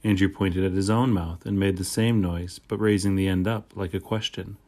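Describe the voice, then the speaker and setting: Telling a children's chapter book in the first person, this male audiobook narrator has a lower-pitched voice. He keeps the delivery steady and plain at a moderate pace.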